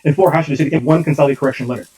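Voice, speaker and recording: A man's voice: on the high side, fairly even intonation, rapid-fire, a little mellow, husky. A man giving a formal presentation over a remote call whose audio keeps cutting out and glitching. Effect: choppy audio that keeps cutting out. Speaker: consultant presenting to a commission. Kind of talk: formal presentation read from slides. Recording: dull lo-fi remote call line.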